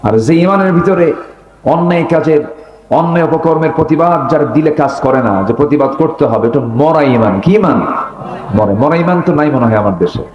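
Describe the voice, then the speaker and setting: A man's voice: fairly high pitch, lively intonation, normal speed, reverberant, muffled recording. A man preaching a sermon with fire, throwing rhetorical questions at the gathering. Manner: fiery, rhetorical questions to the crowd. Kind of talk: Bengali waz sermon.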